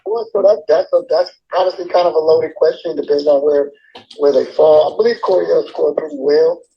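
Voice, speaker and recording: A man's voice: a little high, fairly quick, vocal fry. A man working as a GED instructor, heard over a speakerphone, explaining things with many fillers and restarts. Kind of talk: casual explaining on a phone call. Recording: dull speakerphone line with faint noise.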